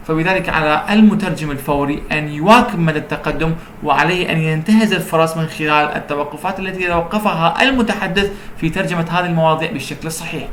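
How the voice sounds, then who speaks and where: Man lecturing slowly in an echoey room. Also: on the high side, fairly bright tone. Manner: reads English points slowly, explains in Arabic at a quicker, conversational pace. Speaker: university translation lecturer. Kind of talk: bilingual lecture on interpreting, English then Arabic. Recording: echoey room with faint background hum.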